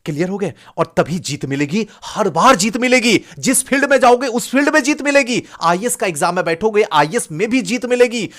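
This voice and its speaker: A man's voice: high-pitched, lively intonation, fairly quick, few pauses, a bit bright. A male coaching teacher from Bihar, speaking Hindi with a Bihari accent, gives a fervent motivational lecture to exam aspirants, exhorting them and firing off rhetorical questions.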